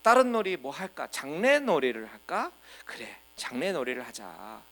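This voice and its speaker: A man's voice: mid-range voice, sing-song, normal speed, a bit bright. A male pastor voicing small children chattering and planning make-believe games during a sermon. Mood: playful.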